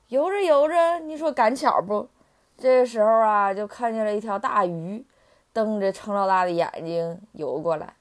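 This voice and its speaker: Animated woman telling a children's story. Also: mid-range voice.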